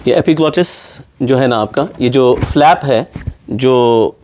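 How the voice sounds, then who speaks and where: A man's voice: mid-range voice, darkish tone, slight background noise. A man teaching Quran pronunciation in a classroom, patiently repeating sounds over and over to demonstrate them.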